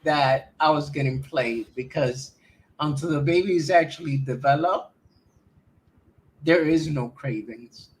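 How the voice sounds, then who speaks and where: A man's voice: fairly high pitch, unhurried, poor audio. A man chatting on a podcast, teasing and playfully aggrieved as he tells his side of a story. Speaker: guest, host's husband. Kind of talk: casual podcast chat.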